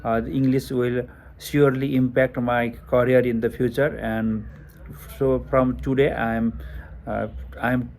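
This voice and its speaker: Answering practice questions for a speaking exam, this young test taker from Nepal hesitates often, with fillers and restarts in his Nepali-accented speech. He talks a little slowly at medium pitch, in a level, darkish tone, through a Bluetooth headphone mic paired to his phone.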